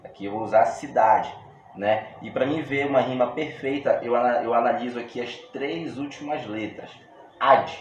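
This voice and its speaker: A man with a Brazilian Portuguese accent teaching a poetry workshop lesson in a relaxed, slangy way, explaining step by step with frequent restarts. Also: medium pitch, moderate pace, dull audio. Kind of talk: casual video lesson. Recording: roomy echo with faint room noise.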